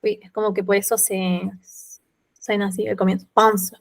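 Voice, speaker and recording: A woman's voice: medium pitch, flat delivery, gravelly, darkish tone. Woman teacher, patient French lesson. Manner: slow and patient, repeating each French word and then its Spanish meaning. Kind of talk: online class, explaining vocabulary.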